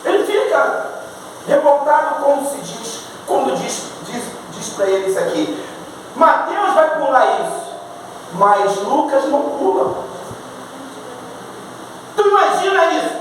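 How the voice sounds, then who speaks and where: A man's voice: very high voice, very animated, a little slow, pauses often, a little hiss or hum. A man preaching a fervent sermon, calling out to the congregation. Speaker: pastor. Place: church hall. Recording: echoey church hall from far off.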